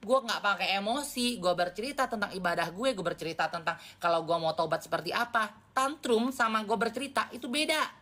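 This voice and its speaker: A woman's voice: medium pitch, a little fast, few pauses, sharp tone. A woman around forty chatting on a phone live stream, bluntly lecturing her viewers in casual slang. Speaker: livestreamer.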